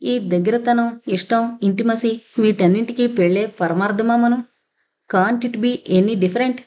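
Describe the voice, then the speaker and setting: A woman voicing a troubled middle-aged man in love who speaks in a tense, halting way. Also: a little high, darkish tone, voice pushed up, natural voice. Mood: sorrowful.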